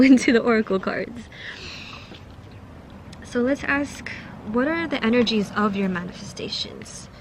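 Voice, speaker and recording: A woman's voice: mid-range voice, heavy background noise. A young woman giving a casual pick-a-card tarot reading, chatty and giggly, with many fillers and restarts. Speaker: tarot reader.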